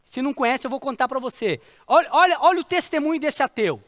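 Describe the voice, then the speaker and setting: High-voiced pastor preaching. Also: male voice, fast, in a large hall. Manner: animated storytelling, repeating phrases for emphasis. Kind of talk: sermon.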